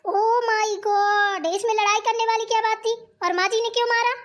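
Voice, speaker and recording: A sweet, motherly sister-in-law from a cartoon, played by a woman. She coaxes and soothes in a very high voice, talking as though to a small child. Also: fairly even intonation, moderate pace. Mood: soothing. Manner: coaxing, talks as if to a child. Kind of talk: cartoon voice acting.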